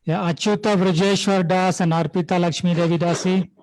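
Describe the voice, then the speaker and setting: A man's voice: high-pitched, fairly even intonation, a little fast, a little mellow, poor audio. A man moderating an online group video call, repeating an elder's words aloud for the viewers. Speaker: host of online house visits.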